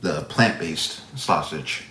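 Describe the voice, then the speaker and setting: A man co-hosts a relaxed dinner chat, talking slowly with a lively rise and fall in his voice. He is recorded in an echoey room with steady background noise underneath. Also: rumbling low, recorded from a distance. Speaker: co-host. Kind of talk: casual chat over a meal.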